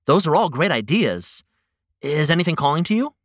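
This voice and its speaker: A man's voice: on the high side, big pitch swings, normal speed, no room sound, studio quality. A man hosting and telling stories for children in an upbeat, encouraging, emphatic scripted style. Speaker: storyteller and host.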